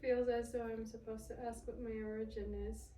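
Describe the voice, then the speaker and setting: A woman's voice: fairly high pitch, level tone, fairly quick, dark tone. A middle-aged woman speaking casually as a client asking questions in a spiritual session. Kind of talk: casual conversation. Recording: roomy, distant mic, faint noise.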